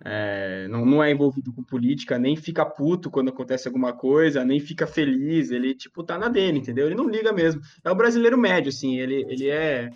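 A young Brazilian man chats casually in a mid-range voice. He is slangy and emphatic, repeating words, on a slightly muffled recording with soft music behind. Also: medium pitch, expressive, fast talker, hardly any pauses. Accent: Brazilian Portuguese. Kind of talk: casual chat.

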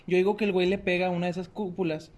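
A young man with a Mexican Spanish accent, telling a story in casual, slangy talk and acting out the shouts and quotes. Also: sits high, level tone, racing.

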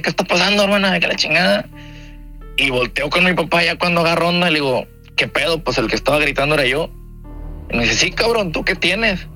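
Slangy Mexican man, very bright voice. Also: mid-range voice. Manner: slangy, swearing, says "güey" constantly. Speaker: podcast guest. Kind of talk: casual storytelling.

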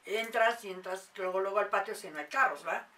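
Bright-voiced woman telling a story. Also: medium pitch, fairly quick, distant mic. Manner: animated, acts out quoted voices. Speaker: mother telling a paranormal story. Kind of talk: casual storytelling.

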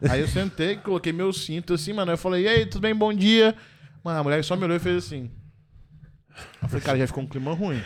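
A man with a Minas Gerais accent tells a story among friends, his voice sitting a bit high. He is animated and excitable, acting out the voices of the people in his story and laughing often. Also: fast talker. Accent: Brazilian Portuguese, from Minas Gerais. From Minas Gerais, Brazil. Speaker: comedian telling a story. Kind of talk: casual chat, animated storytelling.

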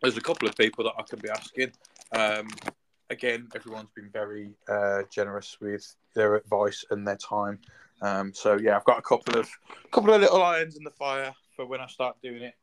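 A man's voice: lowish voice, steady tone, fairly quick. A man, a podcast host in casual chat, joking and teasing in an easygoing way.

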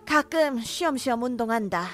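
Lady voicing bossy older mother-in-law, high scolding voice that swoops all over, faint music behind. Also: animated, normal speed. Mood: nagging. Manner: scolding, sharp, rising to shouts. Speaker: voice actor in cartoon drama.

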